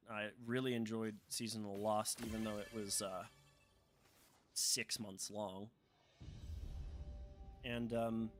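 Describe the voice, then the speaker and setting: A man's voice: medium pitch, a bit bright. A young man chatting casually on a game livestream, rambling with lots of fillers and restarts. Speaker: gaming streamer. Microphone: desk microphone. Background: game music.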